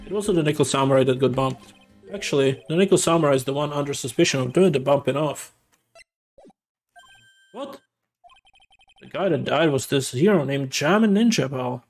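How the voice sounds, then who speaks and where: A man voicing a bumbling male police detective in a lower, gruff, sheepish voice. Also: normal speed, long pauses, faint music behind, lightly acted. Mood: blustering.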